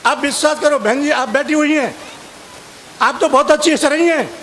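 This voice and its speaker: High-voiced comic poet man, chatty. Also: normal speed, a bit bright, a little hiss or hum. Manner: chatty, teasing the audience. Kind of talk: stage comedy with sung verse. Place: outdoor poetry gathering stage.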